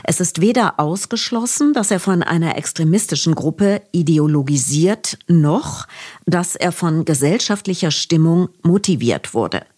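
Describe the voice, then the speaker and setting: A woman co-hosting a news podcast, reading a script in a measured, explanatory way. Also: fairly low pitch, expressive, darkish tone. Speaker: podcast co-host.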